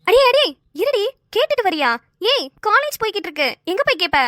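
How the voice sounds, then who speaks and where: A woman's voice: very high voice, very animated, brisk, a bit bright, exaggerated voice. A woman voicing a cheeky young college friend. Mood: playful. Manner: playful, coaxing.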